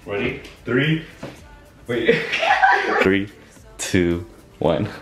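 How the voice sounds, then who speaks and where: A teenage guy vlogging in a casual, giggly, excitable way, laughing often. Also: on the low side, very slow. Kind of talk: casual vlog chat. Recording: loud pop music behind.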